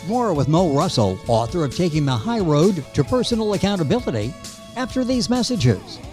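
A man's voice: a little high, big pitch swings, normal speed, darkish tone, faint music behind. A man hosting a radio interview in a conversational style on a close studio mic.

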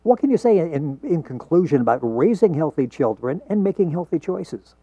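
A man's voice: on the high side, sing-song, moderate pace, no room sound. A man hosting a radio talk show, interviewing a guest, heard as recorded off the radio. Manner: friendly, leading the guest through tips. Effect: heard as taped off the radio. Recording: dull, dry radio broadcast recording.

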